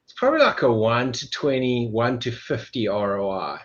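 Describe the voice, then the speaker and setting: A man's voice: medium pitch, sing-song, moderate pace. A man who runs a tech company, a podcast guest talking in a rambling way with many restarts. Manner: rambling, full of restarts and "you know". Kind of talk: casual podcast interview. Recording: dull, lo-fi sound.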